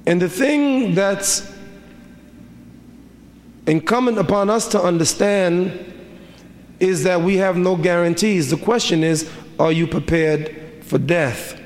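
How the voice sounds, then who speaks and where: A man's voice: high voice, takes it slowly, pauses often. A middle-aged man preaching a sermon as an imam, with a rhythmic delivery full of repeated rhetorical questions. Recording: reverberant hall, faint ambience.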